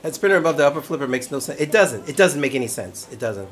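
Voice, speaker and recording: A man's voice: a little high, big pitch swings, fast. A man streaming a pinball game live, joking around, laughing a lot and calling out to his viewers, a little tipsy from cider. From Brooklyn, New York. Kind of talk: casual live-stream commentary. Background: faint game music.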